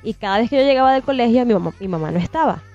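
Woman, fairly high voice, animated storyteller, muffled lo-fi sound, faint music behind. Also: very fast. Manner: animated storyteller, swears it's true, acts out scenes. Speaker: podcast co-host. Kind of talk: casual chat, storytelling.

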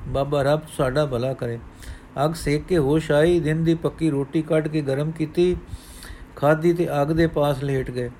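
A man's voice: on the high side, fairly even intonation, dark tone, a little hiss or hum. Man reading a devotional story. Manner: measured storytelling. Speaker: narrator.

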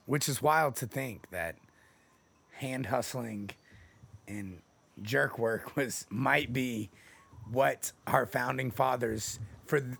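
A man's voice: mid-range voice, creaky, fairly bright tone, breathy edge. A man co-hosting a podcast in casual chat, rambling and laughing often as he jokes crudely. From Texas. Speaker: podcast co-host.

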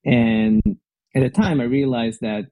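A middle-aged Israeli man, a venture investor whose first language is Hebrew, is a guest on a podcast interview, speaking English as a second language with an Israeli accent. His medium-pitched voice is warm and a little slow, and he talks thoughtfully, sometimes repeating words as he searches for phrasing. The recording is low quality, with no room sound.

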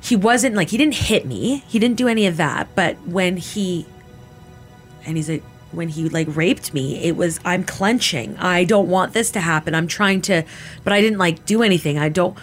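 A woman's voice: fairly low pitch, normal speed, soft background music. A Canadian woman in her thirties giving personal testimony in a casual, filler-heavy way, often quoting herself. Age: 30s. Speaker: interviewee.

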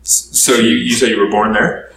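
Low-voiced host in an echoey room. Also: male voice, normal speed, fairly bright tone, a little hiss or hum. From Idaho, USA. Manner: easygoing, laughs often. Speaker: podcast host. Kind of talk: casual interview.

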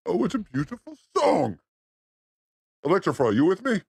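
A man hosting a chaotic comedy stream, joking around in a goofy voice that jumps between pitches. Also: huge pitch swings, normal speed, vocal fry, darkish tone, breathy edge, dry recording, clean studio sound. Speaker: host.

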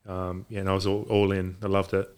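A man's voice: deep voice, monotone, fairly quick, darkish tone, clean tone. A man in a casual chat as a guest, talking in a hesitant, rambling way. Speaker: podcast guest, boxing coach. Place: home garage.

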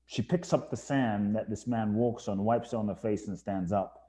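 A man's voice: lowish voice, normal speed, mellow. A man from Ghana, a podcast guest, telling his life story earnestly, with some restarts. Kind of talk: casual storytelling interview.

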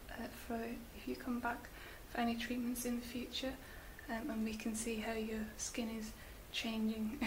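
A woman whispering gently as a spa beauty therapist in an ASMR roleplay, slow and soft with little fillers. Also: a little high, poor audio. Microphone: close sensitive mic. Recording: hissy close mic.

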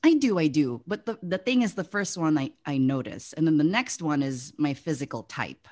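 A woman's voice: deep voice, lively intonation, moderate pace, a little mellow. A young woman from the Philippines, co-hosting a casual podcast chat, laughing often and trailing off mid-thought. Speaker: podcast co-host.

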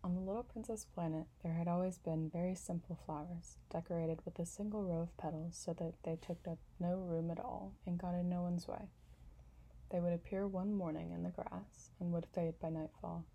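A woman narrating a classic storybook in a calm, measured reading voice. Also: lowish voice, slightly rough, low-quality recording. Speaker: audiobook narrator.

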